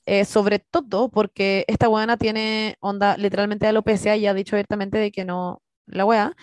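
A woman's voice: mid-range voice, level tone, moderate pace, darkish tone, dry recording. A young woman with a Chilean accent telling a story in casual chat, full of slang and acted-out quotes. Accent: Chilean Spanish.

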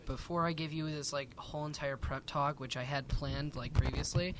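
A man's voice: fairly high pitch, steady tone, moderate pace, noisy background. A man speaking hesitantly as a player in a casual tabletop game, often restarting his sentences.

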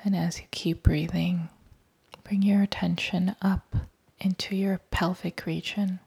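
A woman whispering a guided body-scan meditation, softly and calmly leading the listener to breathe and let go. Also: lowish voice, vocal fry, husky. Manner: soft whispering throughout, calm and unhurried.

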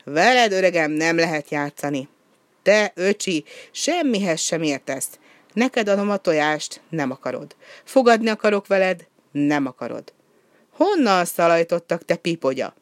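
A reader voicing a boastful, mischievous young male penguin who talks loud and teasing. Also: medium pitch, expressive, no echo, pitched above the performer's own voice, lightly acted. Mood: cocky, teasing.

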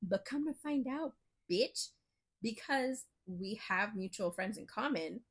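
A young woman co-hosting a podcast, telling a story in casual chat, animated and profane, often laughing. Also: mid-range voice, unhurried. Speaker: podcast co-host.

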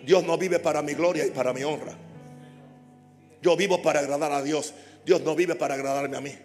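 A man preaching a sermon as pastor, impassioned and repetitive, building up to shouts. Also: fairly high pitch, fairly even intonation, brisk, long reverb tail, soft background music. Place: church hall.

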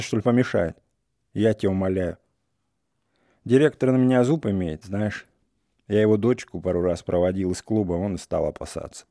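A male reader voices a restless young villager who is bitter and mocking, with his talk rising into heated outbursts. The voice is low and mellow, recorded dry and close with no echo.

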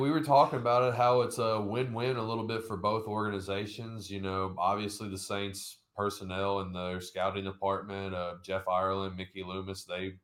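A man's voice: deep voice, a bit bright. A man co-hosting a casual sports podcast, talking in a rambling way with lots of fillers and hedges. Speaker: podcast co-host.

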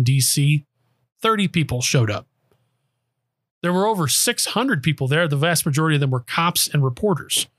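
A man's voice: on the high side, a bit bright, dry recording. Sarcastic man, dry close-mic podcast. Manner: sarcastic, emphatic. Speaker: podcast host. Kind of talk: political commentary monologue. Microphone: close studio microphone.

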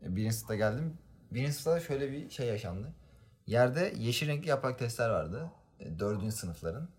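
Chatting casually with friends, a young man recounts stories from his childhood, full of slang and frequent laughter. He has a medium-pitched voice and speaks briskly and very animatedly.

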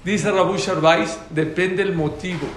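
A man's voice: sits high, steady tone, a little slow. A man teaching a religious class. He is emphatic, repeats his key points and answers students' questions directly. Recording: roomy, faint background noise.

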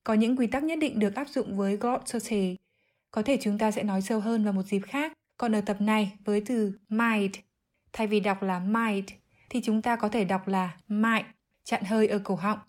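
A woman giving an English vocabulary lesson, explaining clearly and methodically, word by word. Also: medium pitch, fairly even intonation, normal speed, darkish tone. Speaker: English teacher.

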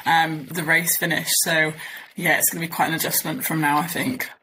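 A woman's voice: sits low, level tone, normal speed, noisy background. A young woman, an athlete chatting modestly and laughing easily as an interview guest. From East Yorkshire, England. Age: 20s. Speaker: ocean rowing athlete, guest. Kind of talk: casual interview chat.

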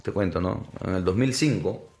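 A young man, a podcast guest telling an animated personal story and calling the listener brother. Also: low-pitched, normal speed, vocal fry. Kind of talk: storytelling in casual interview.

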